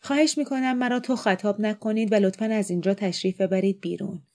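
A woman's voice: medium pitch, steady tone, warm tone, lightly acted. A woman voicing a thin, breathless male security officer who speaks politely but firmly, in an audiobook reading.

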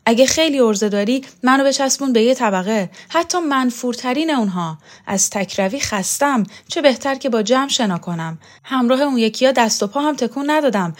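A proud, wounded old woman who hurls her words out high and loud, defiant and bitter, as a woman storyteller puts her on. Her speech comes in shrill, indignant bursts from a storybook reading.

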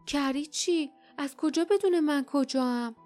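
A woman voicing a bold, sharp-tongued young girl in an audiobook, speaking in urgent, hushed tones. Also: sits high, soft background music, voice pushed up, natural voice. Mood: excited.

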